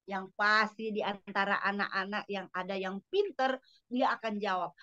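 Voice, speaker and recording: A woman's voice: medium pitch, normal speed, pushed and bright, dry recording, muffled recording. A woman lecturer giving instructive feedback to a trainee teacher, asking pointed questions and acting out classroom examples.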